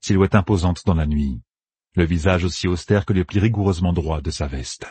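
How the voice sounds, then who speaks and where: A man narrating a fantasy audiobook in a measured, even storytelling manner. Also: low-pitched, husky, no echo.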